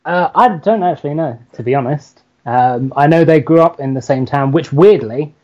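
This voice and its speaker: A young man from London with a London accent, a comics writer chatting as a guest, hesitant and laid-back with many pauses. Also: fairly high pitch, a little mellow, highs cut off. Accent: London English. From London, England. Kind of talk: casual chat.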